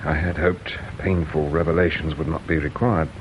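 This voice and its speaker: An actor playing a patient provincial police inspector who questions people gently and measuredly in a radio drama. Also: male voice, extremely low pitch, little pitch movement, slight background noise. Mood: probing. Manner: measured, gently probing, hesitates with "uh". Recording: dull lo-fi radio recording.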